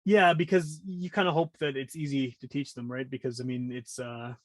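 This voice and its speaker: A Canadian man around forty chats casually as a podcast guest, rambling and interrupting himself. His medium-pitched voice is level in tone and normal in speed, recorded dry.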